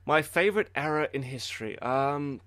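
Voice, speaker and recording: A man's voice: fairly high pitch, expressive, normal speed, fairly bright tone, no room sound. A young man hosting a podcast, chatting casually in a rambling way, stammering and filling his sentences with "like" and "you know". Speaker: podcast host.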